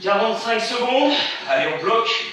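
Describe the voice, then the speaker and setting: A man's voice: extremely high pitch, animated, normal speed, a bit bright. A man leading a workout class as instructor, counting reps and countdowns aloud between short motivating commands. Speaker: fitness instructor. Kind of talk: live workout class with rep counting and cues. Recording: echoey room from far off, music behind.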